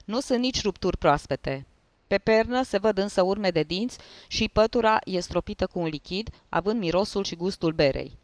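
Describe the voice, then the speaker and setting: Un bărbat care joacă un tânăr anchetator zelos, ce raportează cu seriozitate fiecare indiciu. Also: male voice, high voice, lively intonation, no room sound, voice pushed up. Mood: eager. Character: young male assistant investigator, eager and talkative.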